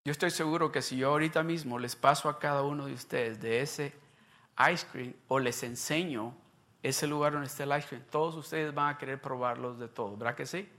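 Animated bright-voiced preacher telling a story. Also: male voice, mid-range voice, fairly quick. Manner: animated storyteller, acts out dialogue, bursts of loud emphasis. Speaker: pastor. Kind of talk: sermon storytelling.

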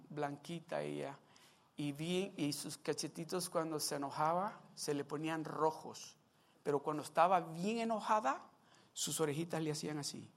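A male preacher giving a sermon, telling a story and acting out its scenes in an animated way. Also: on the high side, creaky.

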